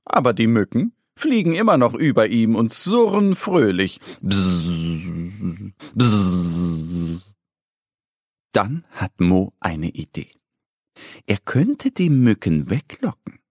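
Man, children's story narrator, unhurried, expressive, dry studio sound. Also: mid-range voice, dry recording. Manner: slow, lively storytelling.

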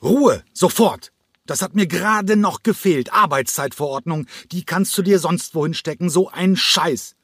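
A man reading an audiobook and voicing a hot-tempered male ballet choreographer who yells in fury. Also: animated, moderate pace, husky, dry recording, clean studio sound. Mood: raging. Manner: yelling in fury, rising high. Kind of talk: audiobook character voice.

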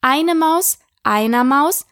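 A woman's voice: sits high, expressive, slow pace, fairly bright tone, dry recording, clean studio sound, voice pushed up, exaggerated voice. A woman voicing a polite, curious young girl who chatters eagerly and apologizes often.

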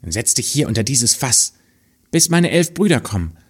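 A man's voice: medium pitch, very animated, moderate pace, husky, voice pushed up. A man doing a kind youngest brother. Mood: reassuring.

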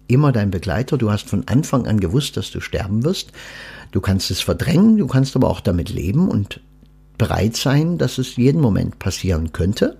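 A man with a husky, mid-range voice hosts a podcast, reading a children's story aloud before reflecting on death and letting go. His manner is thoughtful and gently instructive.

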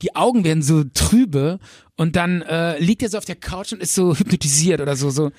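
A man's voice: on the high side, a little fast, darkish tone, dry recording, clean studio sound. Rambling man in casual chat. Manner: rambling, many fillers and restarts; retells scenes, acting out quotes.

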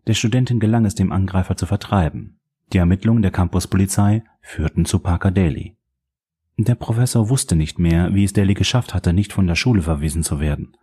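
Low, husky male audiobook narrator. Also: fairly quick, dark tone. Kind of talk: scripted narration of a crime novel.

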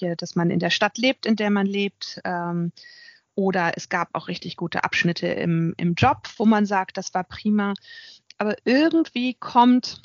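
In a reflective interview, this middle-aged author and consultant speaks thoughtfully with many hesitations. She has a mid-range voice with vocal fry, and the recording has no room sound and cut-off highs.

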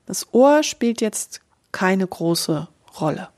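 A woman's voice: mid-range voice, big pitch swings, slow pace, darkish tone. A woman voice coach explaining a voice exercise on her podcast, speaking straight to the listener in an encouraging way. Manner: encouraging, direct address to listener. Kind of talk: podcast voice lesson. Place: podcast recording.

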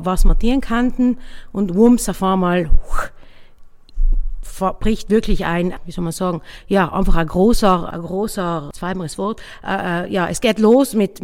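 A woman innkeeper with a South Tyrolean German accent, telling her own story in a halting, casual way, often searching for words. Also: mid-range voice, big-room sound. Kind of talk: personal account, casual spoken.

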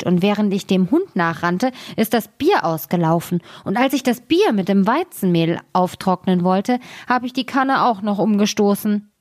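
A woman voicing a silly, cheerful young wife in a fairy tale, in a bright, naive, singsong way. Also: mid-range voice, close to an everyday voice.

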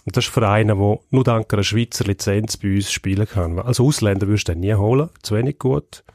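A man's voice: on the low side, fairly quick, a little mellow, no echo, clean studio sound. A man with a Swiss German accent giving blunt, scornful opinions on hockey in a casual chat. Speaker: hockey pundit.

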